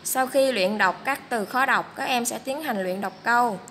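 A woman teacher leads a first-grade reading lesson, pronouncing each word slowly and carefully. Her voice is bright and fairly high. A faint hiss sits under the recording. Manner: slow, clear, syllable-by-syllable teaching delivery. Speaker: primary school teacher.

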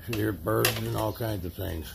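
Casting: male home-vlog host, low creaky voice, casual chat, recorded outside with birds and ambient noise. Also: normal speed. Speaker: giveaway host filming behind the camera. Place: outdoors at a driveway table.

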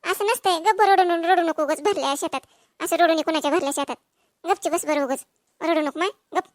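Bossy village gal played by a woman, squeaky high, snaps people quiet. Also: dry recording. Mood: scolding. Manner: brisk scolding comfort. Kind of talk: dubbed cartoon voice.

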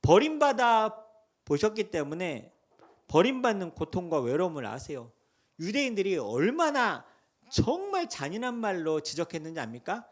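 A male pastor preaching a Sunday sermon with passion, asking the congregation questions and swinging between hushed lows and loud cries. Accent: Seoul Korean.

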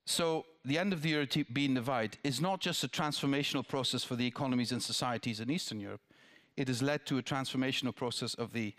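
A man's voice: medium pitch, fast talker, hardly any pauses, fairly bright tone. An older man from the Netherlands, a politician answering audience questions on a theatre stage through a headset mic, thoughtful, with restarts and asides. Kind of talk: town-hall dialogue.

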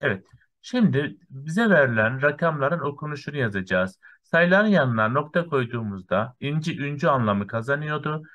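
A man teaching a lesson to young children, counting through lists slowly and patiently and often addressing his dear students. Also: fairly high pitch, lively intonation, fairly bright tone. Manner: counts through lists step by step, often saying "sevgili öğrenciler". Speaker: primary school teacher.

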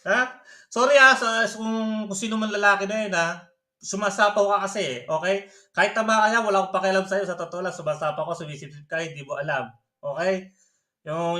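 On a reaction livestream, a man chats casually, taunting a rival and laughing often. His voice sits high and has a sharp tone.

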